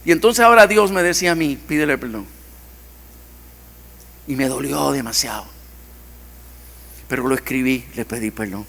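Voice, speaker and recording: A male pastor preaching a sermon to his congregation, swinging from loud, urgent pleas to hushed, intimate passages, recorded on a stage microphone in a church. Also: mid-range voice, brisk, creaky, pauses often. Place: church hall. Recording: long church-hall reverb.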